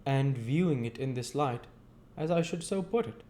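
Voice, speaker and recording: A man with a dark, mid-range voice reads at a moderate pace, expressively and with light acting, raising his voice to play a character in an audiobook. The role is a kindly, uneducated countryman from a novel who argues earnestly and insists gently, using rustic, emphatic wording.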